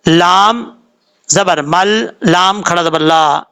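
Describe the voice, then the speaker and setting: A man with a Pakistani Urdu accent teaching Quran recitation word by word. He spells out letters and vowel marks slowly, then explains the rules quickly. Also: high voice, gravelly, pushed and bright.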